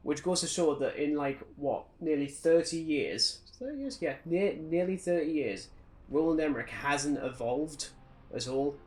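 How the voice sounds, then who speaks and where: A British podcast co-host chats casually about films, ranting in an opinionated, sardonic way. His fairly high, slightly mellow voice carries lively intonation at a measured pace.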